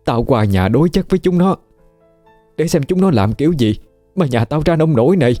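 Give me a shrill, frantic village mother raising her voice, done by a man. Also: expressive, a little fast, dark tone, dry recording, faint music behind, close to an everyday voice.

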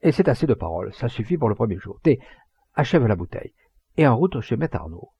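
A man's voice: very animated, fairly quick, vocal fry, warm tone, breathy edge, dry recording, lo-fi sound, exaggerated voice. A man voicing a hearty fatherly poacher. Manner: booming, hearty, sententious. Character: jovial hearty middle-aged male poacher, fatherly.

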